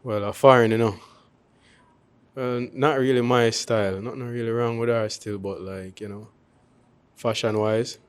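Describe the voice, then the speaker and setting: A man's voice: mid-range voice, fairly even intonation, moderate pace, long pauses, smooth. A man giving short, casual answers as a contestant on a dating show.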